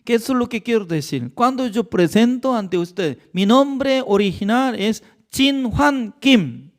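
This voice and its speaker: Un pastor con acento coreano, de lengua materna coreana, que enseña un estudio bíblico con énfasis y preguntas retóricas. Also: male voice, very high voice, lively intonation, slow. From Korea. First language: Korean. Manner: emphatic, with rhetorical questions and non-native grammar. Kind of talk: Bible study teaching.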